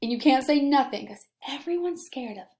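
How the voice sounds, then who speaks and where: Here a woman teacher reads a children's story to her young pupils, addressing them directly and giving it dramatic emphasis as part of a lesson. Her voice is high-pitched and a little mellow, and her delivery is animated and fairly quick.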